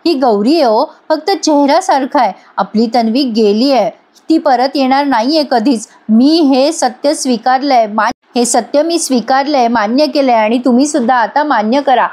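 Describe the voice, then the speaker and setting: A woman's voice: sits high, moderate pace, few pauses. A woman voicing a stern, angry man who speaks firmly and with authority. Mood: somber. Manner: stern, shouting.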